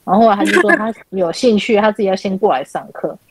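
A woman's voice: mid-range voice, animated, fast, noisy background. A woman, hosting an online chat and animatedly retelling counseling sessions, acting out quoted dialogue. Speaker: podcast host and spiritual counselor. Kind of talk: casual chat, telling client stories. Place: online chat room call.

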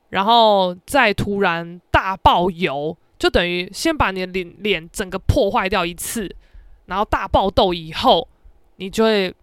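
A young woman, hosting a podcast and telling a story in a lively, dramatic, self-mocking way. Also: medium pitch, clean tone, no echo, clean studio sound. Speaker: podcast host. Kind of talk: casual storytelling monologue.

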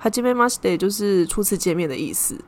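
A woman's voice: mid-range voice, fast talker. A young woman hosting a podcast, telling a story in a chatty, casual way and dropping Japanese terms into her talk. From Taiwan. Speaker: podcast host.

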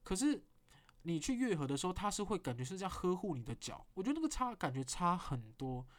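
A man with a Taiwanese Mandarin accent hosting a podcast, telling a story in a casual monologue with animated delivery and blunt swearing. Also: high-pitched, fast. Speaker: podcast host.

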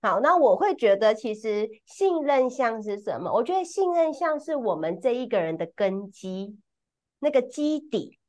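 A woman co-hosting a podcast, explaining ideas in an expressive, conversational way and often repeating words as she goes. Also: fairly high pitch, moderate pace. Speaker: podcast co-host and teacher.

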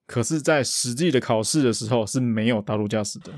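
A man's voice: mid-range voice, fairly quick, no echo, studio quality. A man from Taiwan with a Taiwanese Mandarin accent, chatting casually as a podcast host. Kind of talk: casual chat.

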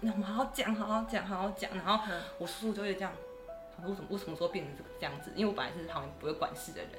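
Animated woman. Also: on the low side. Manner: animated, acts out quoted voices. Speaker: guest storyteller. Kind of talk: casual ghost-story chat.

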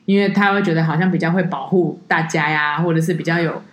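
A woman with a low-pitched voice and a quick pace shares stories about leading tours as a podcast co-host, acting out the people she quotes. The casual chat is animated, recorded with reverb and a little hiss or hum.

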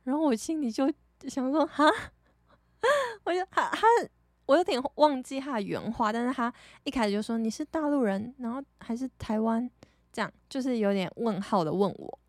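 A young woman from Taiwan with a Taiwanese Mandarin accent, hosting a podcast and telling stories casually, chatty and animated, laughing often. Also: on the high side, moderate pace, dry recording, studio quality. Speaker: podcast host. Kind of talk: casual storytelling monologue.

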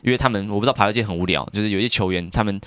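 A man's voice: fairly low pitch, racing, fairly bright tone, smooth, no echo. A man with a Taiwanese Mandarin accent chatting casually as a podcast guest, informal, slangy and self-mocking, with swearing coming easily. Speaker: podcast guest, amateur comedian and sports commentator. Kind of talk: casual chat.

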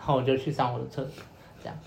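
This young man races through a long podcast story in a creaky, medium-pitched voice with a level tone. His telling is casual and rambling, packed with repeated fillers and acted-out dialogue, and the room's echo and faint noise come through.

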